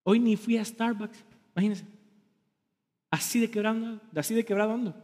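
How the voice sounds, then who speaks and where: A man preaching a sermon as pastor to his congregation, animated, asking them questions and joking about himself. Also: high voice, normal speed, long reverb tail. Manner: self-deprecating humor. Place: church sanctuary.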